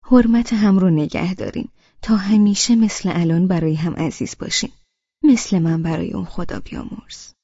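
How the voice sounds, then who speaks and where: A woman voicing a fond old grandmother who talks in a halting, motherly way, in an audiobook. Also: fairly low pitch, dark tone, husky, dry recording, highs cut off. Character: sweet chatty old grandmother, hesitant and fond. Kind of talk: audiobook character reading.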